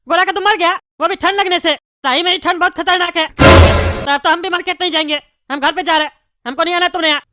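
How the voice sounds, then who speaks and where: A woman's voice: extremely high pitch, steady tone, fast talker, noisy background. A woman voicing a bald, pompous male neighbourhood politician in a cartoon comedy, bossy and rambling. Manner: bossy, rambling, tactless consoling.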